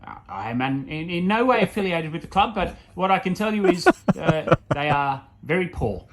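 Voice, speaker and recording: A man playing a mock-earnest local newspaper reporter who needles his guest in a halting, mock-formal way. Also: fairly high pitch, big pitch swings. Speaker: interviewer. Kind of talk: mock sports interview.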